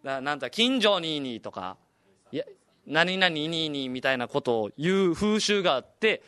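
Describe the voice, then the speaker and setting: A young man from Okinawa with an Okinawan accent, a comedian and radio host telling stories in a chatty, animated way. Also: on the high side, normal speed, clear, resonant tone, dry recording. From Okinawa, Japan. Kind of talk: casual storytelling chat.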